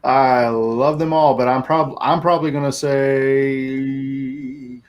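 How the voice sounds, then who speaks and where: Rambling, soft-spoken male guest. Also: mid-range voice, little pitch movement, takes it slowly. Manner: rambling, trails off softly, laughs often. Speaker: guest, small business owner. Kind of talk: casual interview chat.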